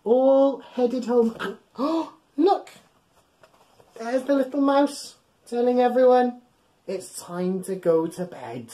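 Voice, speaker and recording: A man's voice of extremely high pitch, warm, animated, and slow, reads a bedtime story to young children. In his thirties, he performs it playfully and over the top, coaxing the kids to join in, indoors in a small furnished home room.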